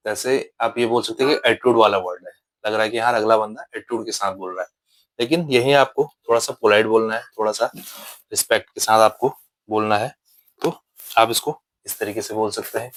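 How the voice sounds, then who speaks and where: Guy teaching english manners phrases, lowish voice, dry close sound, says the examples slow and repeats them. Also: no echo, poor audio. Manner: explains patiently, repeats example phrases slowly. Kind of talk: spoken English lesson in Hindi.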